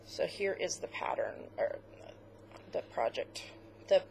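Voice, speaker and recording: A woman's voice: on the low side, animated, slow, creaky, darkish tone, a little hiss or hum. A woman co-hosting a knitting podcast in a casual, chatty way, with lots of fillers. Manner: chatty, with fillers, close to tears at times. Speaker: podcast co-host. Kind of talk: casual chat.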